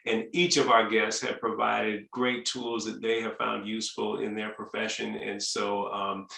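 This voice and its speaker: A man's voice: fairly low pitch, level tone, unhurried, vocal fry, bright, forceful tone, roomy sound. A man hosting a webinar interview, chatty, reading out audience questions and restarting his sentences often. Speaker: host.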